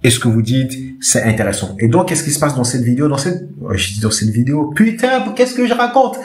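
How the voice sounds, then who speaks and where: A man hosting a podcast on eloquence, talking straight to listeners in a lively, repetitive manner. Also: medium pitch, quick pace, reverberant. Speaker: eloquence coach, podcast host. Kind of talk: casual instructional talk. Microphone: podcast microphone.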